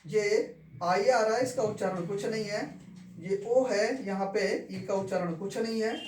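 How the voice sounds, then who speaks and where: A man teaches English pronunciation in a classroom lesson, repeating each word and asking the class questions. His high voice is a little slow, and he sounds far from the mic in an echoey room, with some hiss or hum.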